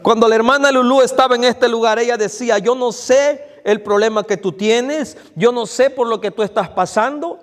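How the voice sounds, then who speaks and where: A man's voice: extremely high pitch, moderate pace, few pauses. A man preaching an evening sermon to his congregation, speaking to them directly and repeating phrases for emphasis. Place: church hall. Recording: long reverb of a church hall.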